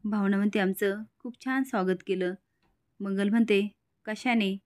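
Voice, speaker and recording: Woman briskly recapping a serial. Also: medium pitch, fairly even intonation, darkish tone, no echo, studio quality. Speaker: storyteller. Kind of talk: recapping a TV serial, reading all the dialogue.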